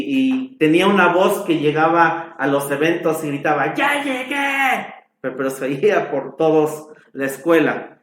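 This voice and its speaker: A man preaching a sermon as a pastor, slow and emphatic, his voice rising on exclamations. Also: mid-range voice, roomy sound. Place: church hall.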